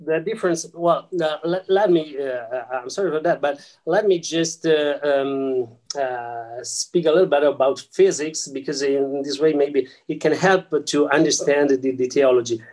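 Speaking in a fairly high, slightly mellow voice, an Italian-accented guest scholar discusses physics and theology in an interview. English isn't his first language, and he frequently pauses, uses filler sounds and starts his sentences over.

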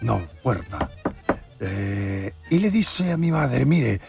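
A man in his seventies with a Rioplatense Spanish accent, a storytelling guest on a talk show, tells a comic childhood anecdote, insisting on his point and acting out scenes. His medium-pitched, creaky voice swings widely in pitch at a slow pace, with music in the background.

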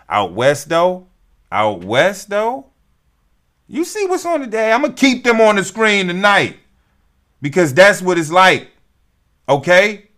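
A young man giving casual, animated sports commentary as a vlogger, with a profane, trash-talking fan's manner. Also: on the low side.

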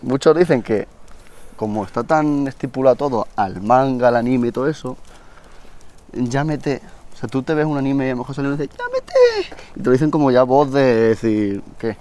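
A man's voice: medium pitch, quick pace. Young guy just chatting, jokey, a bit of background hiss. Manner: animated, joking, slangy. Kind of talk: casual chat.

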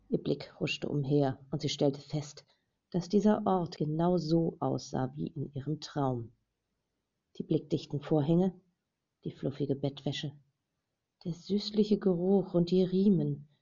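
A woman narrating a dramatic novel as an audiobook in a measured reading. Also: sits low, vocal fry, warm tone, breathy edge. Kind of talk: scripted narration. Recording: dull lo-fi recording.

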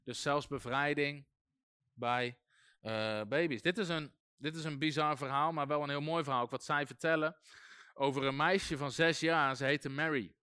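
A man's voice: on the high side, steady tone, moderate pace, sharp tone, clear, resonant tone, dry recording, clean studio sound. A man teaching on deliverance in a loose, conversational way, with plenty of fillers and restarts. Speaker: deliverance preacher. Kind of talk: informal teaching talk.

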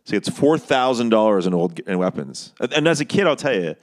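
A man's voice: lowish voice, very animated, fast talker. A man co-hosting a casual movie chat, enthusiastic and agreeable, retelling scenes. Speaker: podcast co-host.

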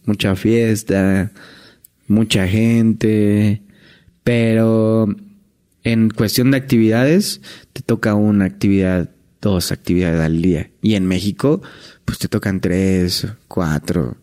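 Speaking slowly in a fairly low, mellow voice with fairly even intonation, this former hotel entertainer with a Mexican accent spins stories as a chatty guest. He keeps tossing in tag questions and starting his sentences over.

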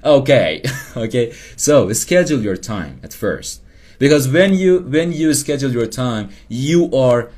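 Man, rambling self-help podcast talk, slow, animated rise and fall. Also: mid-range voice. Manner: rambling, repeats himself, laughs at himself. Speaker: podcast host. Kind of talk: casual self-help monologue.

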